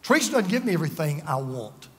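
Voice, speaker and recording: Fairly high and sing-song, this man talks fast over soft background music. He's a pastor past fifty delivering an earnest, emphatic sermon, sharing personal stories with self-deprecating humor, and a large hall's long reverb surrounds him.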